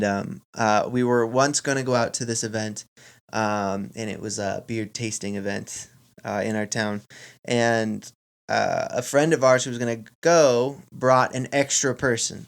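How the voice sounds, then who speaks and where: A man hosting a podcast solo, explaining things informally in measured phrases and addressing listeners directly as friends. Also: lowish voice, steady tone, gravelly, clean tone. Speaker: podcast host.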